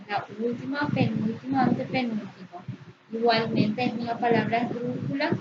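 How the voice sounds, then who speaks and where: Give me a slightly high woman's voice, teaching slowly, muffled lo-fi sound. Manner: slow, careful, stresses syllables to demonstrate. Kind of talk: spelling lesson. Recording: echoey, muffled, noisy lo-fi.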